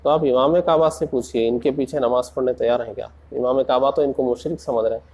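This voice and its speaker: A man preaching in a slow, deliberate way, asking rhetorical questions and rising into passionate emphasis. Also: mid-range voice, steady tone, a little mellow, highs cut off. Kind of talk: Urdu sermon.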